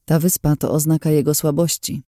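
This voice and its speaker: A man's voice: fairly high pitch, little pitch movement, fairly quick, warm tone, no echo, studio quality, lightly acted. A man reading a brooding remorseful young man. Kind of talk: audiobook character voice.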